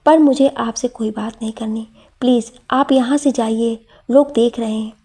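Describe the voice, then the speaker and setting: A shy young college girl who turns teasing, played by a woman storyteller. Her voice is husky, mellow and fairly high. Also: steady tone, moderate pace. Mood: nervous.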